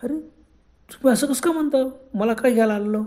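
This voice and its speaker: A man's voice: very high-pitched, fast, mellow, voice pushed up. A storyteller voicing a frightened, out-of-breath man on his morning run, blurting panicky exclamations. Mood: puzzled.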